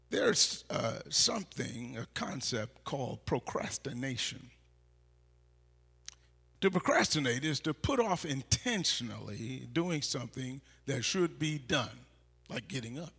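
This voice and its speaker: Bishop, raspy and gravelly, slow deliberate sermon delivery in a reverberant church hall. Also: male voice, mid-range voice. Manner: slow, deliberate preaching that rises to loud exhortation. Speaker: bishop preaching. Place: church sanctuary.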